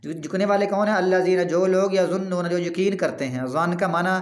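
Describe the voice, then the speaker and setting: A man with a fairly high voice gives a scripture lesson in an echoey room. He recites each verse slowly and then explains it plainly, like a teacher. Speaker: religious teacher. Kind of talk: Quran commentary lesson.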